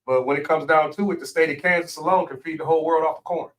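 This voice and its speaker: A man's voice: fairly high pitch, fairly even intonation, fast talker, fairly bright tone, distant mic, low-quality recording. A man speaking as a guest in a studio interview, lecturing emphatically and spelling out words.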